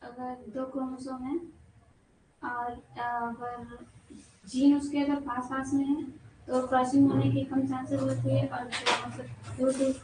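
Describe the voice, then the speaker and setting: A woman's voice: high voice, flat delivery, unhurried, darkish tone, a little hiss or hum. A young woman student hesitantly answering a question in class, searching for her words. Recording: faint, distant in an echoey classroom.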